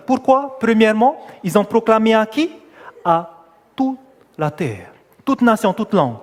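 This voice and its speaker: In a big-sounding room, a high-voiced man preaches a teaching sermon. He puts questions to his listeners, then answers them while stressing the key words.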